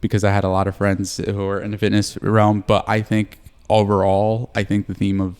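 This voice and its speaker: A young man, hosting a podcast in relaxed, casual chat. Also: fairly low pitch, brisk, clear, resonant tone. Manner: relaxed, chatty, with fillers. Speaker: podcast host.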